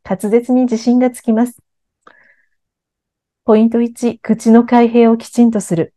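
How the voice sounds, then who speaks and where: Mellow-voiced woman teaching clear speech. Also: on the high side, measured pace. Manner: clear, even-paced explanation. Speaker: speech coach. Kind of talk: scripted instructional narration.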